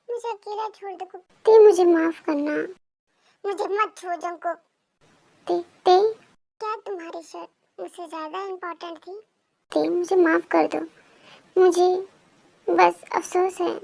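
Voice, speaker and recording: A woman reading a storybook, voicing a stubborn young husband who pleads loudly. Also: extremely high pitch, gravelly, heavily acted. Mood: pleading. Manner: loud, whiny pleading. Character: playful, stubborn young man, loud husband.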